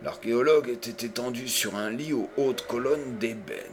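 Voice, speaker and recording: A man reading a novel aloud as an audiobook, with a measured, dramatic delivery. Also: mid-range voice, background noise. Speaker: audiobook reader. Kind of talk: scripted narration.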